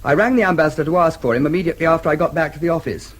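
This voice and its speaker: In a radio drama, an actor with an English accent plays a British diplomat and protective brother, clipped, courteous, and formal. His natural male voice is a little high and rapid-fire, and his mood stays matter-of-fact.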